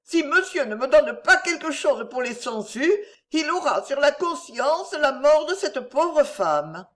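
A woman's voice: sits high, sing-song, unhurried, voice pushed up. A woman voicing a bold, impudent old beggar woman who pleads and answers back. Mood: cheeky.

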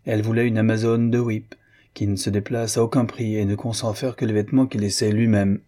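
A man reading a novel aloud in a measured, literary way. His voice is low and mellow, with a husky grain. The delivery is steady and unhurried. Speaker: narrator. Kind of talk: audiobook narration.

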